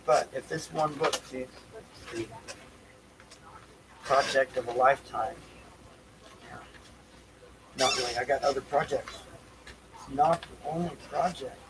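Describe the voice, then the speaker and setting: With long pauses and some background noise, a man hosting a livestream talks to himself while getting set up. He speaks a little slowly in a mid-range voice, rambling off the cuff and repeating phrases as he loosely works through things.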